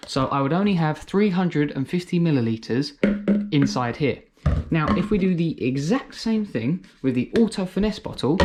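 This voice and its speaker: A man's voice: a little high, darkish tone, a little hiss or hum. A man giving a casual product review, chatty and thinking aloud as he explains. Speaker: car care reviewer.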